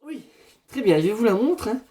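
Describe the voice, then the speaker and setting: A man's voice: high voice, sing-song, normal speed, dark tone. A man doing a parody horoscope reading, rambling in a mock-solemn fortune-teller manner. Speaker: comedian.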